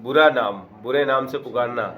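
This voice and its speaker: A man's voice: mid-range voice, fairly bright tone, a little hiss or hum. A man teaching a Quran lesson, reciting short phrases in Arabic and then explaining each one in plain, conversational words with earnest, repetitive emphasis.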